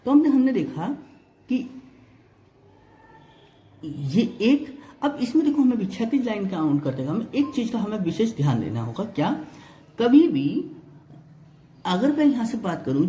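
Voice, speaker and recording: A man's voice: high-pitched, sing-song, unhurried, pauses often, dark tone, reverberant, a little hiss or hum. A male reasoning teacher giving an exam-prep lesson, explaining step by step, counting items aloud and often checking whether students follow.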